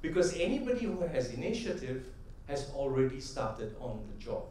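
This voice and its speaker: A middle-aged man gives a chatty, anecdote-heavy conference talk in a mid-range, sing-song voice with a dark tone and moderate pace, often ending points with "right?" and building to rhythmic, emphatic punchlines. He is a convention speaker in a large convention hall. The recording is echoey, with his voice picked up by a distant mic and slight background noise.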